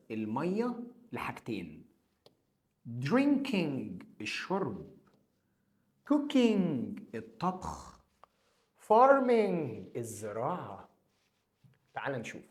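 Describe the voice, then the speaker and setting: A man with an Egyptian Arabic accent teaching a children's English review lesson. He repeats each English word slowly and then translates it. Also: mid-range voice, darkish tone.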